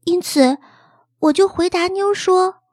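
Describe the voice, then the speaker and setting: A woman narrating a children's story in an expressive, childlike storytelling manner. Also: very high voice, measured pace, no room sound, clean studio sound. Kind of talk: storybook reading.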